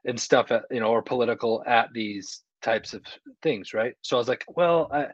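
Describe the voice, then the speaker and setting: At a normal speed and with little pitch movement, a man with a mid-range voice tells a casual anecdote as a podcast's guest comedian, chatting and quoting other people's words. He's calling in by video from an indoor hallway, and the recording sounds dull, muffled and full of echo.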